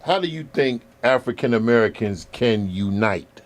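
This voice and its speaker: A man hosting a casual conversation, relaxed and talkative, often repeating words. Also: medium pitch, moderate pace. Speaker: host. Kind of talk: casual chat.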